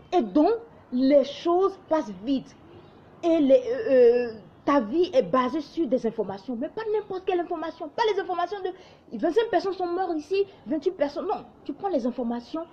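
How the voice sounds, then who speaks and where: A woman's voice: sits high, dark tone, slightly rough, muffled recording. A young woman from Ivory Coast with a light Ivorian accent, delivering an impassioned, lecturing monologue to camera. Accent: light Ivorian French. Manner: lecturing, exhorting, mimics others in quoted asides. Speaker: online commentator.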